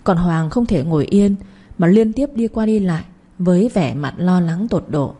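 A woman narrates a first-person story in a steady, plain manner. Her voice is low and mellow with a husky edge. The telling stays even and unhurried.

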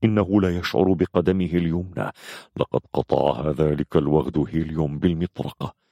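A man narrating a story in an expressive, dramatic reading style. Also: very deep voice, a little fast, vocal fry, no echo, dull audio.

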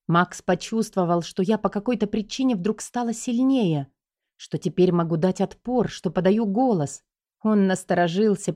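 A woman's voice: mid-range voice, dark tone. A woman reading a first-person story aloud as an audiobook narrator, in a tense and dramatic way.

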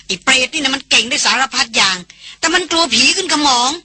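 A reader voicing a gruff veteran hunter who grumbles disapprovingly. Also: high voice, expressive, unhurried, pushed and bright, no echo, voice pushed up, full character voice. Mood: grumbling.

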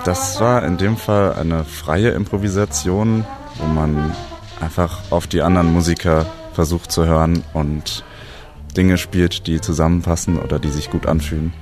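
Very deep-voiced young trumpeter, brisk. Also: male voice, fairly even intonation, music in the background. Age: 20s. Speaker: trumpeter in a youth big band. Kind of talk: interview answers.

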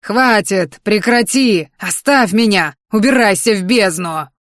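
A woman voicing a yelling, frantic sea captain. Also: medium pitch, measured pace, no echo, studio quality, lightly acted. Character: furious male ship captain, shouting.

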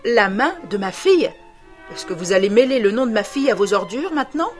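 Indignant, panicking older lawyer for a storybook reading, played by a woman, sharp raised outbursts. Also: medium pitch, expressive, normal speed, soft background music, lightly acted.

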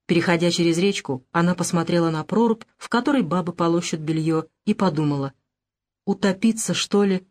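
A woman reading a novel aloud in even, measured audiobook narration. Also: fairly low pitch.

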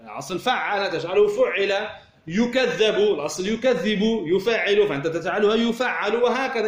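A man from Tunisia teaching a grammar lesson. He asks rhetorical questions, repeats words as he explains, and says example words slowly. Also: high-pitched. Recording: echoey room.

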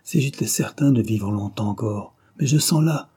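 A man's voice: fairly low pitch, moderate pace, dark tone, slightly rough. A man reading the part of a dying, vengeful villain who sneers and threatens, in an audiobook. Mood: gloating. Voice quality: sneering, menacing.

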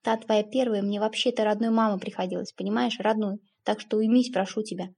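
Woman doing a sharp young stepdaughter, scolding, defiant, loud, husky. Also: mid-range voice, steady tone, brisk. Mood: angry.

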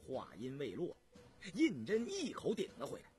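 A man's voice: on the high side, wildly swooping pitch, normal speed, darkish tone, breathy edge, faint music behind. A man reading a novel aloud with dramatic expression and acted dialogue. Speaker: storyteller.

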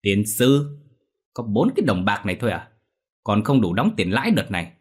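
A man's voice: lowish voice, sing-song, moderate pace, husky. A man voicing a cruel, greedy female moneylender who screeches and curses in a storybook tale. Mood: scornful. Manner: screeching, cursing, scornful.

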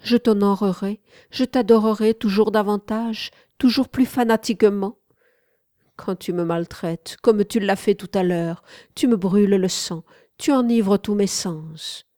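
A woman's voice: mid-range voice, unhurried, mellow, no room sound, clean studio sound, natural voice. A woman voicing a smitten, submissive young man in an audiobook, speaking in fervent, pleading declarations. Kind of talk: audiobook reading.

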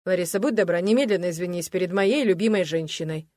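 A woman's voice: lowish voice, rapid-fire, a little mellow, no echo. Stern commanding man, curt and cold, read by a woman.

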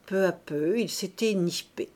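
A woman reading a classic novel aloud as an audiobook narrator, measured and expressive. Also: fairly low pitch. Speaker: audiobook reader.

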